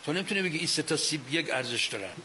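A man's voice: on the high side, rough recording. A man with a slightly raised voice delivers a religious lecture, arguing his case and firing rhetorical questions at his listeners. He speaks into a microphone before an audience. A faint hiss runs under the recording. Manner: animated, argumentative, asks rhetorical questions. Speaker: cleric lecturer.

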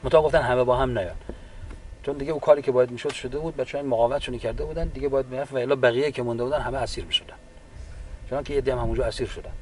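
A man, a wounded war veteran, giving a halting, unhurried personal account with frequent restarts. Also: medium pitch, fairly even intonation, slight background noise. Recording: distant mic with faint background ambience.

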